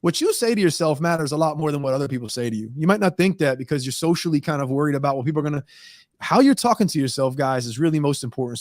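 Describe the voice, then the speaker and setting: An emphatic man delivers a motivational segment on a talk show. His voice sits a bit high, and he pushes it higher as he drives his points home. The recording is dry and close. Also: no room sound. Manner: earnest, emphatic, rising with emphasis. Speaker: guest segment presenter.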